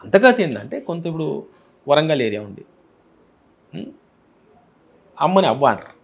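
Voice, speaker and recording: Lively, fast-talking Telangana man. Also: fairly high pitch, breathy edge, dull audio. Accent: Telangana Telugu. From Telangana, India. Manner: animated, explains with examples from village speech. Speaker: film director. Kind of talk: interview, explaining his film.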